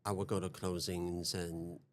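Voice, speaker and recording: Male podcast guest, forties, from Taiwan; very low voice, hesitant and repetitive delivery. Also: little pitch movement, slight background noise. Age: 40s. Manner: hesitant, halting, repeats himself. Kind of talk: podcast interview.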